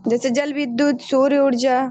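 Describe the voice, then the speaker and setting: A woman's voice: high voice, level tone, normal speed, dark tone. A woman answering the teacher briefly, heard from far off in the room. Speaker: student.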